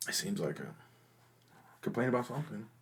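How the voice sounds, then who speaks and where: A man co-hosting a podcast, talking in a halting, hesitant way full of fillers and restarts. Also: mid-range voice, lively intonation, creaky, slightly rough. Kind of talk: casual chat.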